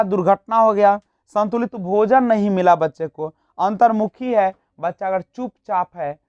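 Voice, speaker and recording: A man's voice: sits high, clean tone, no echo. Guy teaching a prep class, asks questions then answers them, muffled lo-fi mic. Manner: explanatory, rhetorical questions, frequent tag "nahin". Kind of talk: exam-prep lecture. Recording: dull lo-fi, dry.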